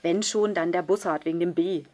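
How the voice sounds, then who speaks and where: A woman's voice: lowish voice, fairly quick, a little mellow, lightly acted. A playful young woman full of life , as a woman reading an audiobook puts her on. She jokes in a theatrical way. Storybook reading.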